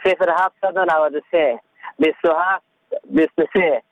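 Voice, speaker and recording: A man's voice: on the high side, no room sound. A man from Afghanistan giving a missing-person announcement over a radio phone line. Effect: heard over a radio phone-in line.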